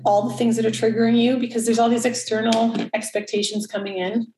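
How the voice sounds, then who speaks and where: A woman's voice: on the high side, level tone, quick pace, darkish tone, reverberant, a little hiss or hum, low-quality recording. A woman in her early forties, a coach, talking frankly and reflectively in casual chat, cursing now and then. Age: 40s.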